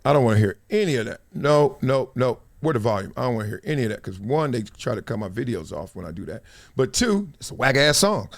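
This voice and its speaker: Talking fast in a sing-song, mid-range voice, a middle-aged show host from South Central Los Angeles with an American accent trades in casual, slangy jokes, commentary and storytelling.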